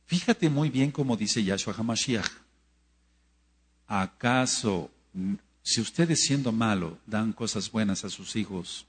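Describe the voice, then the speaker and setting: A man's voice: on the low side, husky, big-room sound. Emphatic man preaching in repeated refrains. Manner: emphatic, repeats phrases, rising to loud exclamations. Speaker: teacher of a prayer course. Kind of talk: sermon-style Bible teaching.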